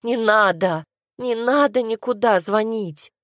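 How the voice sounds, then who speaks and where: A woman's voice: mid-range voice, a little slow, no echo, natural voice. A woman voicing a distraught young woman who sobs and pleads, in a dry, close reading. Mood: tearful. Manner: sobbing, pleading, snapping.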